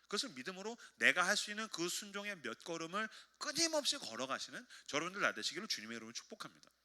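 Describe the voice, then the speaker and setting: A middle-aged man preaching a sermon as pastor, animated and expressive, loud in exhortation and soft when telling family stories. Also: sits high, rapid-fire.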